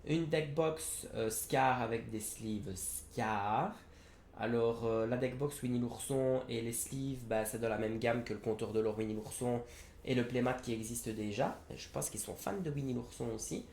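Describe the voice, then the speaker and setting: A man's voice: mid-range voice, unhurried, darkish tone. A young man reviewing trading card game products in a casual, hesitant way, with frequent fillers and self-corrections. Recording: roomy echo, faint background noise.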